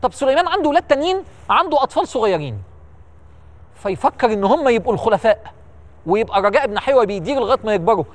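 Fast, animated Egyptian storyteller man. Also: very high voice. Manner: animated, emphatic, repeats words for effect. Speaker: religious history storyteller. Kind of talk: lively storytelling lecture.

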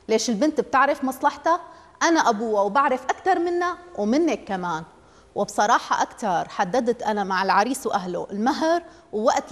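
A woman's voice: medium pitch, lightly acted. A woman voicing a stern, domineering middle-aged father who speaks with anger and scorn. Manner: angry, scornful, raised voice. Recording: long hall reverb.

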